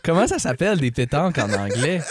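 A man's voice: a little high, big pitch swings, fairly quick, heavy background noise. Joking Québécois man. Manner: joking, laughing. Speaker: improv comedian. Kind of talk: casual improv chat.

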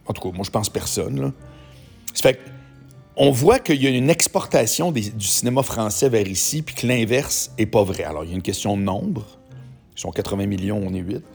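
A man's voice: on the low side, lively intonation, a little fast, vocal fry, darkish tone, faint music behind. A man with a Québécois French accent, a comedian chatting casually with many fillers and asides. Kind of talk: casual conversational monologue.

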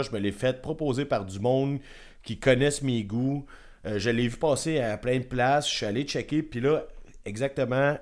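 A man with a Quebec French accent hosting a casual music review chat, rambling and enthusiastic with casual swearing. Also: mid-range voice. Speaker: podcast host.

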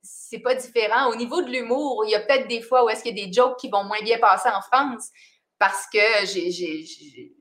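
A middle-aged woman with a Québécois accent, a singer-songwriter chatting casually in an interview, animated and self-mocking, often laughing. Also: on the high side, moderate pace. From Quebec.

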